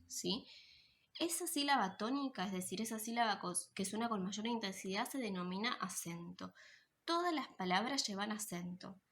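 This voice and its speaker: Woman teacher, mid-pitched, explains a class lesson patiently and step by step. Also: fairly bright tone, slight background noise. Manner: patient, explanatory, checks in with a frequent "right?". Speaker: secondary school teacher.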